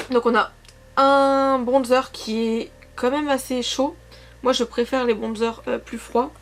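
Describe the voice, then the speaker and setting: A young woman in her twenties with a slightly high voice talks through her makeup in a relaxed, chatty way. She rambles, corrects herself mid-sentence and leans on fillers, speaking into a camera mic at home. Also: gravelly, a little hiss or hum. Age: 20s. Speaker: beauty vlogger. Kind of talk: casual makeup chat. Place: sitting on her couch at home.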